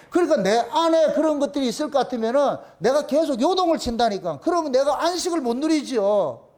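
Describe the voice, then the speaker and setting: This sermon comes from a male pastor whose very high-pitched voice has a slightly mellow quality and a Gyeongsang Korean accent. Emphatic and repetitive, he leans on repeated phrases and asks the congregation questions only to answer them himself.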